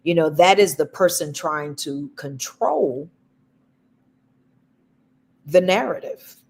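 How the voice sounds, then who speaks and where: A woman co-hosting a talk show, giving relationship advice in a slow, deliberate and emphatic way. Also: deep voice, animated, gravelly, a little mellow, slightly rough. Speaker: podcast co-host.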